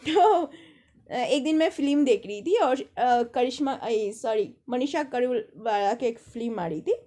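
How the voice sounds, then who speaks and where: A young woman with a high voice tells rambling personal stories in an easy, conversational way. She slips into quick impressions of the people she talks about. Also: animated, dark tone. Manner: chatty, rambling anecdotes with mimicked quotes. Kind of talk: casual storytelling monologue.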